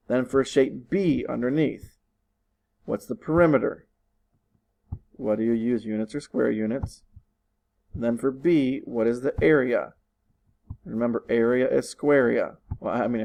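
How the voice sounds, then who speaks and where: Teaching from his living room, a man patiently works through test questions with his students in a recorded online lesson, repeating instructions. His mid-range voice is mellow and creaky, at normal speed with frequent pauses, and the audio is poor.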